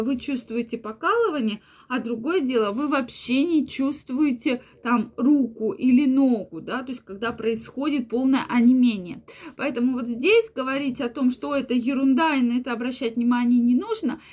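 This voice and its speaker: A woman with a fairly high voice talks viewers through a health problem in an explanatory way. She keeps tucking little filler words into her sentences as she goes. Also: normal speed. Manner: frequent fillers and repeated "yes", "that is". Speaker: health adviser.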